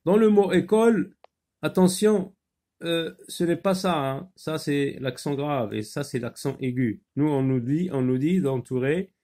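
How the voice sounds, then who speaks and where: Slow, patient man teaching phonics. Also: medium pitch, mellow. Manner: slow, patient, with many pauses and fillers; switches between French and Arabic explanations. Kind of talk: phonics lesson.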